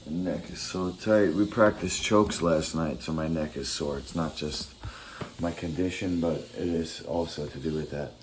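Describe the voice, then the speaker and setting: Rumbling low and fairly even in intonation, this man talks at a moderate pace while casually rambling in a morning vlog. His bitten, swollen tongue makes the words come out slightly thick and impeded. There's a roomy echo and a faint hum of background noise.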